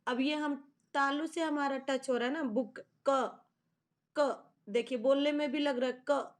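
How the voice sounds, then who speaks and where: A young woman teacher giving a phonics lesson to students. She reads English lines slowly word by word, asks questions and answers them herself. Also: sits high, steady tone. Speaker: school teacher. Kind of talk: online English phonics lesson explained in Hindi.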